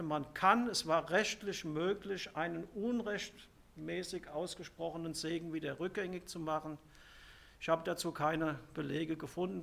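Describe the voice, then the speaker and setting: A man preaching a sermon, slowly retelling and quoting scripture with emphasis. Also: on the high side, vocal fry, fairly bright tone.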